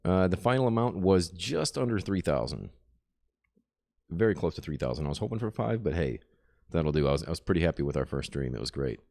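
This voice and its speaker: A man speaking in an extremely deep, gravelly voice, relaxed and unhurried. He chats casually with viewers while working on a tattoo, explaining his technique into a desk microphone. He sounds easygoing and conversational throughout. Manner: laid-back, explains technique while reading chat. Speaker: tattoo artist streaming live. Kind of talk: casual live-stream chat while working.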